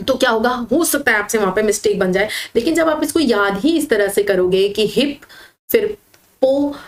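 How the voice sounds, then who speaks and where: A woman teaching vocabulary with slides, patiently explaining and slowly spelling words syllable by syllable. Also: a little high. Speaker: English teacher for exam prep. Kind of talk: slide-based lesson.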